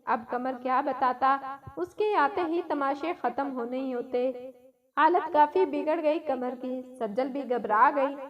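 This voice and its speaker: A woman storyteller reading a dramatic moral story aloud. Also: sits high. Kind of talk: storytelling narration.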